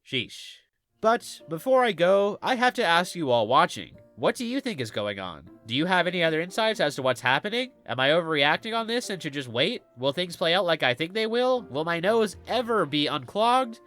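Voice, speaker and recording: A man's voice: on the high side, sing-song, normal speed, fairly bright tone, soft background music. A man with a cold giving scripted video game commentary in a stuffy, nasal voice, as if pinching his nose.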